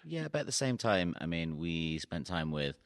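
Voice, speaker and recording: A man with a very low voice, speaking in a loose, chatty way with lots of "uh" and "you know". The sound is close and dry, with no room in it. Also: very animated, normal speed, creaky, dry recording. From London. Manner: conversational, many fillers. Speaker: reporter. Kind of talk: studio discussion.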